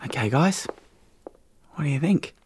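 A man's voice: on the high side, lively intonation, a little slow, slight background noise. An actor playing a mild, compromising male member of an audition panel.

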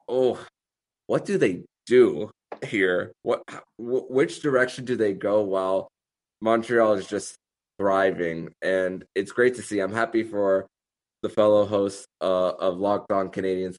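A man hosting a sports podcast in casual discussion, haltingly repeating words as he thinks. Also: low-pitched.

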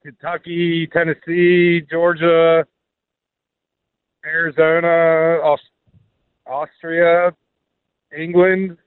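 A man calling in to a radio contest, heard over a phone line, answering in a slow, easygoing way. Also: on the high side, level tone, clean tone, no room sound.

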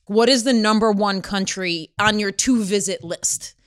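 Woman host, mid pitch, teasing friendly questions. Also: measured pace, smooth. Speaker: interviewer. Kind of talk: casual interview.

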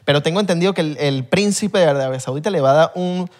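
A man's voice: on the high side, fast talker. A man co-hosting a podcast in casual chat, rambling and correcting himself as he goes. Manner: rambling, self-correcting, slangy. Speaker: podcast co-host.

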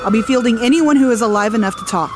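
A woman's voice: fairly high pitch, fast talker, close to an everyday voice. A woman playing a no-nonsense investigator in an audio drama. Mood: businesslike. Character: brisk, no-nonsense female police investigator. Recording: loud sirens and vehicle noise.

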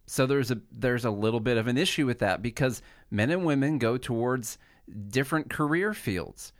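A man at a mid-pitched, ordinary register talks through a point in casual podcast conversation, laying out figures one at a time. He sounds measured and explanatory. The recording is dry and close, with no room sound around him. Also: dry recording. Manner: measured, explanatory, walks through statistics step by step.

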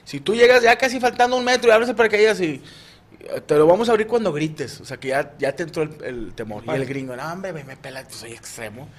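A Mexican man telling crude jokes casually among friends, full of slang and doing lively voices for the characters. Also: high voice, fast, slight background noise. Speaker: joke teller.

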